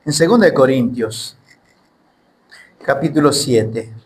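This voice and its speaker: A man's voice: mid-range voice, animated, takes it slowly, darkish tone, rough recording. A man teaching the Bible in a sermon, emphatic and full of rhetorical questions.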